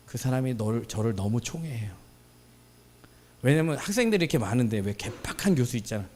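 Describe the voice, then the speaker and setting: A man in his thirties, a pastor preaching a lively, playful sermon and acting out quoted voices. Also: medium pitch, brisk. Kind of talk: sermon with acted-out anecdotes. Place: church hall.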